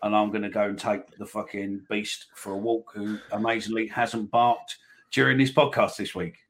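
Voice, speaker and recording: A man's voice: lowish voice, little pitch movement, normal speed, fairly bright tone, slight background noise. A man hosting a football podcast in casual, blunt, sweary chat.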